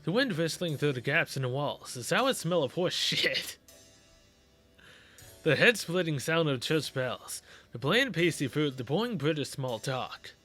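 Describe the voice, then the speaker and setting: A man voicing a sardonic, world-weary male archer, speaking in a dry, mocking way, lower than his usual voice. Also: big pitch swings, unhurried, pushed and bright, faint music behind, heavily acted. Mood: sarcastic.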